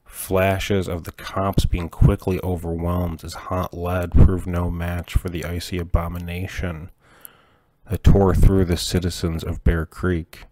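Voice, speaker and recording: Slow, deep-voiced male horror narrator. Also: level tone, a little mellow, dry recording. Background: faint music.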